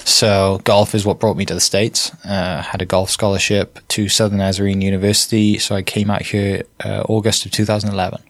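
Low-voiced Welsh man, easygoing guest. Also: little pitch movement, no echo, clean studio sound. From Wales. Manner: easygoing, affirming with quick yeahs. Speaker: podcast guest. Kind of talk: casual interview chat. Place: podcast studio.

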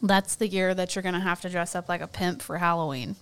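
A woman's voice: on the low side, steady tone, brisk, a bit bright, smooth. A woman in her thirties co-hosting a podcast at home on a couch, bantering in a playfully combative, teasing way into a podcast microphone. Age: 30s. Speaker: podcast co-host. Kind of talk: casual banter.

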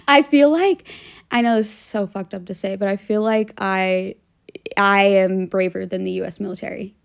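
A woman's voice: medium pitch, fairly even intonation, moderate pace, creaky, clear, resonant tone. A young woman in her twenties hosting a podcast, telling a dating story in a chatty, giggly way, laughing often and swearing. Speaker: podcast host. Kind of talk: casual storytelling.

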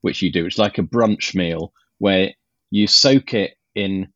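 Deep-voiced man, chatty guest. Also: measured pace, a bit bright, no room sound, lo-fi sound. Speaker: podcast guest. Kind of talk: casual chat.

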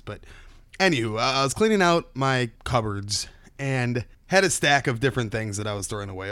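A male podcast host tells stories in a casual, folksy, conversational way, stretching out the suspense. His voice is fairly low, and the recording is dry with very little room sound.

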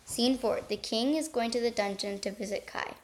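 A woman's voice: on the high side, normal speed. Woman narrating a homemade radio play.

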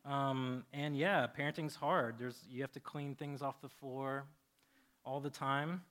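A man in his thirties preaching a sermon, animated while telling a story and soft and hushed when he prays. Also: medium pitch, measured pace. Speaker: pastor.

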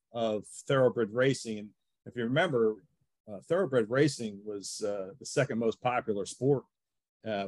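American man, lowish voice, interview guest. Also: a little mellow, no room sound. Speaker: minor league baseball team representative, interview guest. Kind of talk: conversational interview answers.

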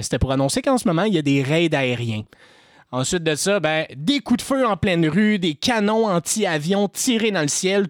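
A man with a Québécois French accent telling a history story on a podcast in an animated, joking way. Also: no room sound, studio quality. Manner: animated, jokey, lively pitch swings. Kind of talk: casual storytelling chat.

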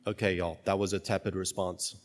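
A man's voice: low-pitched, level tone, a little fast. An American man preaching as a priest at Mass, speaking in a large church with cathedral-like echo. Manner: casual, joking, loosely rambling in homily. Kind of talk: liturgical reading and informal, conversational homily. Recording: cathedral-like echo with long reverb.

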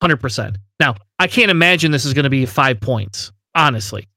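A man co-hosting a casual game podcast, talking with emphatic disbelief and laughing often. His voice sits at an ordinary middle pitch. The sound is dry and close. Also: expressive, a little fast, sharp tone, no room sound. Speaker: podcast co-host. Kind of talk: casual tabletop game discussion.

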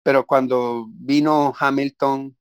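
A man's voice: mid-range voice, flat delivery, takes it slowly, smooth, no echo. A middle-aged man from Puerto Rico with a Puerto Rican Spanish accent, a stage actor answering interview questions, telling his story reflectively with many restarts.

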